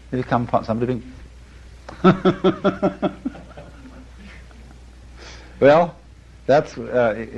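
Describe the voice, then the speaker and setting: A man lectures in a husky voice whose pitch rises and falls freely. He muses aloud, chuckles often and wanders into asides. The recording sounds dull and lo-fi. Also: a little mellow. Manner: musing, chuckling, with frequent asides. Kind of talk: lecture on art and philosophy.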